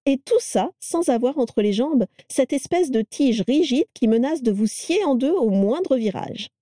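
A woman's voice: expressive, unhurried, warm tone, dry recording, studio quality. A woman putting on a bubbly, gushing witch. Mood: enthusiastic. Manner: gushing, high and sing-song. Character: cheerful eccentric witch, bubbly and showy.

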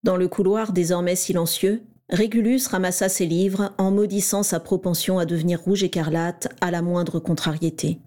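Mellow-voiced woman reading a story. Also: lowish voice, fairly even intonation, normal speed, few pauses. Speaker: narrator. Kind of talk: scripted story narration.

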